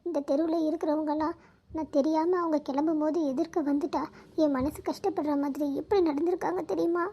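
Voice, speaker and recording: A woman's voice: high voice, fairly even intonation, fairly quick, warm tone. Woman voicing a bitter grieving widow. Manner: bitter, hurt. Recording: dull lo-fi recording.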